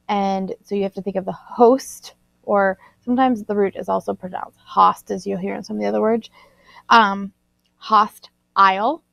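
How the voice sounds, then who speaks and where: Woman teacher talking thru vocab, slow and deliberate, kinda gravelly, dry close mic. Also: medium pitch, dry recording. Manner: slow, deliberate word-by-word spelling and enunciation. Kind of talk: recorded vocabulary lesson. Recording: dull lo-fi recording.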